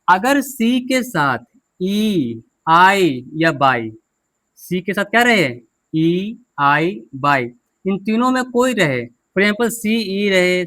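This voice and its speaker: High-voiced man teaching. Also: fairly bright tone. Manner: drills with repeated questions and answers. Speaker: English teacher. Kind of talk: classroom pronunciation lesson.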